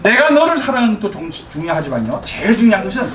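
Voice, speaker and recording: High-pitched male teacher, coaxing and lively, drilling a live class; distant mic in a reverberant room. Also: quick pace, a crowd in the background. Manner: lively, coaxing, chuckles while explaining. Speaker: English teacher. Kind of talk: live classroom lecture with call-and-response drills. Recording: echoey room recorded from afar, faint ambient noise.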